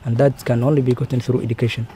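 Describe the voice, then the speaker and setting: A man answering interview questions in a measured way, often hedging with "maybe". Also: medium pitch, little pitch movement, mellow, slight background noise.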